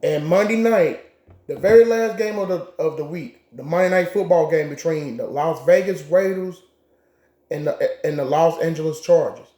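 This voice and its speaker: A man's voice: a little high, moderate pace, mellow. A man co-hosting a casual sports chat, giving blunt picks with profane trash talk. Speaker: co-host making game picks. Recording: echoey room.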